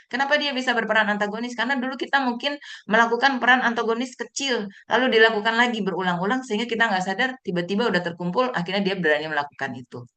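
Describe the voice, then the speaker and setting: A woman's voice: fairly high pitch, very fast, bright, forceful tone. A woman giving an online motivational training talk over a video call, speaking conversationally and acting out the people she quotes in raised voices.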